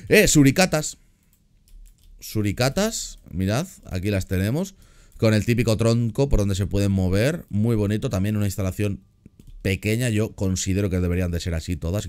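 A man giving casual, excitable commentary while playing a zoo game, often repeating words in quick bursts. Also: fairly low pitch, clear, resonant tone, no echo, clean studio sound. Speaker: gaming YouTuber reacting to a zoo build.

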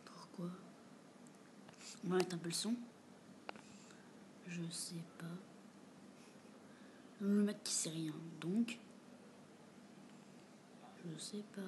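A woman casually chatting with a chatbot on camera at home, reading its replies aloud and often dropping to a quiet, half-whispered mutter. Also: on the low side, fairly even intonation, very slow, pauses often, noisy background. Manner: reads the bot's replies aloud and answers them. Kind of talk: casual gaming commentary. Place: room at home with a door.

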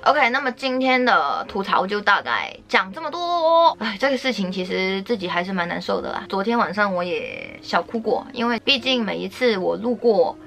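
A woman's voice: mid-range voice, very animated, moderate pace, vocal fry, few pauses, fairly bright tone. A young woman from Guangdong, China, hosting her own vlog, talking straight to the camera and giving earnest, indignant commentary with rising emphasis. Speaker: vlogger host. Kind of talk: opinionated talk to camera.

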